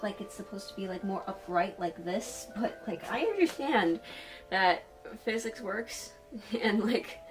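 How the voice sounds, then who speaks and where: A sewing vlogger chats casually through a craft tutorial, mixing in voice-over narration and a bit of mild swearing. Her voice is medium-pitched, and the recording quality is rough.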